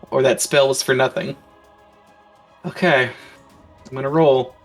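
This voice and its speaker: A man's voice: mid-range voice, fairly even intonation, slow, soft background music. A man chatting casually as a player at a tabletop game, rambling with lots of ums and restarts.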